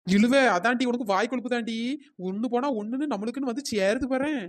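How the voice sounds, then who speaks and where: A fed-up young snack seller in a cartoon, voiced by a woman, high-pitched and fast. She scolds and grumbles at customers who never pay. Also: lightly acted. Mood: chiding. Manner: scolding, complaining. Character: young woman stall keeper, fed-up and sharp-tongued. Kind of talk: cartoon voice acting.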